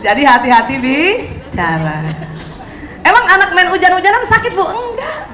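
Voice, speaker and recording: A woman speaker giving a lively parenting seminar, chatting with her audience and often asking them questions. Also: extremely high pitch, moderate pace, a faint crowd, a little hiss or hum. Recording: roomy hall sound, faint ambience.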